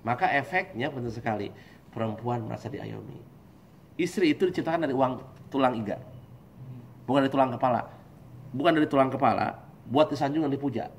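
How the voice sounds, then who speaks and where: A man giving a lively, joking religious study talk, acting out husband and wife voices. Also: medium pitch, fairly quick, vocal fry, pauses often, slight background noise. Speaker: preacher.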